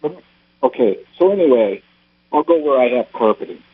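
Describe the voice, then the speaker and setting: A man's voice: medium pitch, lively intonation, fairly quick, slightly rough, no room sound. Hollow, tinny man calling a radio show. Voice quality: hollow tinny sound, as if inside a metal tank. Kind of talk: casual phone-in opinion. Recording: hollow, tinny phone line with hum.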